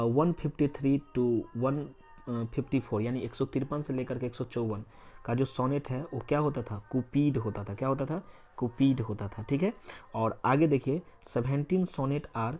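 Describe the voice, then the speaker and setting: Medium in pitch and dark in tone, this male teacher runs an exam-focused literature class in a Hindi-English mix. Again and again he recasts points as quiz questions he answers on his own, and he spells out words one letter at a time.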